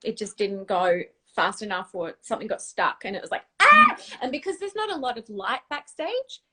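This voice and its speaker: A woman's voice: medium pitch, animated, brisk, a little hiss or hum. A woman hosting a casual livestream chat, telling backstage stories with lots of laughter. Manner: warm chatty storytelling with laughter. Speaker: host.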